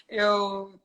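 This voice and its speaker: A woman with a São Paulo accent chats as a guest on a live video call. Her voice is bright and sharp, and she talks in a lively way, laughing easily as she tells her story. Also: medium pitch, a little hiss or hum. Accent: Brazilian Portuguese, São Paulo. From Brazil. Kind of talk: casual live-stream chat.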